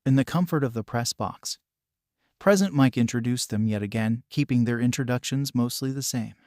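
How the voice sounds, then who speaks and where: A man reading fan fiction aloud in steady, even scripted narration. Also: mid-range voice, moderate pace, no room sound, clean studio sound. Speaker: story reader.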